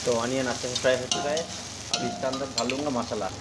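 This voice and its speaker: A man talks his viewers through a home recipe in a relaxed, chatty way, explaining each step as he goes. His voice sits at an ordinary pitch. The kitchen recording carries clear background noise, with traffic audible from outside. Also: brisk. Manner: chatty, step-by-step, keeps saying "friends". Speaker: cooking vlogger. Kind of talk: casual cooking narration.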